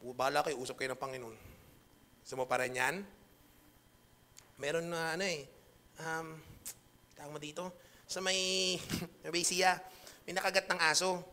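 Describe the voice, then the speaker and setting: A man's voice: fairly high pitch, fairly even intonation, moderate pace, long pauses, bright, forceful tone. A man preaching a sermon as pastor in a chatty, joking storytelling manner, mixing in English words. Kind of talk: conversational sermon.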